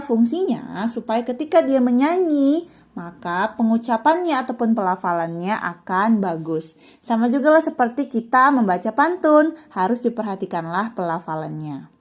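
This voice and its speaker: Young teacher lady doing an online class for kids, bit high voice, upbeat. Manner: lively, asks questions and answers them herself. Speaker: religious school teacher. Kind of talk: online lesson for children.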